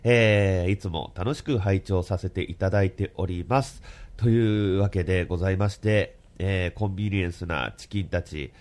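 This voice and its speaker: A man speaks in a low voice blocked by a stuffy nose from hay fever. He records a polite, formal message of congratulations, moving along in short phrases joined by set filler expressions. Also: normal speed, darkish tone. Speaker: listener leaving a voice message.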